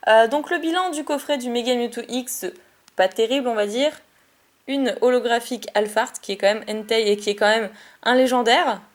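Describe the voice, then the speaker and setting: A woman chatting excitedly while opening trading card packs, giggly and quick to correct herself. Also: a little high. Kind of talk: casual card-opening vlog.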